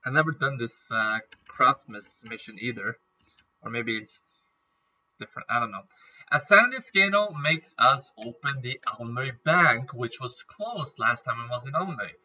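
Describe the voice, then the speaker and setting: A man chatting casually through a game as a YouTuber, rambling and clearing his throat often with a nagging cough. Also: mid-range voice, lively intonation, normal speed, bright, forceful tone, distant mic, muffled recording. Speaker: gaming YouTuber.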